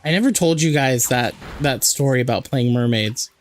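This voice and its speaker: Hoarse man chatting on a game stream. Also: mid-range voice, normal speed, faint music behind. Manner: chatty, joking, reads and answers chat. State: hoarse from a sore throat. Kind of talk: casual live-stream chat while playing.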